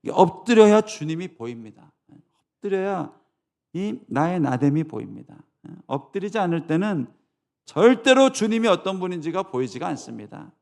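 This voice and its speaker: Man, pastor, church sermon, gravelly voice, emphatic delivery, rhetorical asides. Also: high-pitched, sing-song, normal speed, darkish tone.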